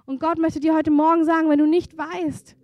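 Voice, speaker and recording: Earnest high-voiced woman preaching softly. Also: flat delivery, normal speed, lo-fi sound. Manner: intimate and earnest, moving between hushed softness and fervent emphasis. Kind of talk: sermon to a church congregation. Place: church service.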